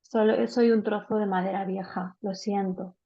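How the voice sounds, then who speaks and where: A woman voicing a gentle, selfless giving tree in a storybook reading. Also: mid-range voice, fairly even intonation, moderate pace, muffled recording, close to an everyday voice. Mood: tender.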